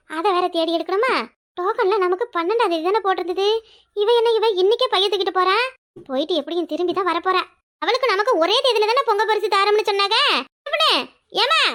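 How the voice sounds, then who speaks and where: A woman voicing a fretful, sharp-tongued village wife in a cartoon, with a Tirunelveli Tamil accent. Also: very high voice. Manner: grumbling, scolding. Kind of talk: cartoon voice acting.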